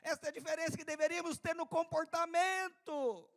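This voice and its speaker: A high-pitched man preaching a sermon in a church service. He keeps repeating phrases and tags them with a quick "né". His delivery rises from hushed lines to loud, fervent ones. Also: fairly even intonation. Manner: preaching with swings from quiet to loud; repeats phrases and adds "né" often. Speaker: pastor.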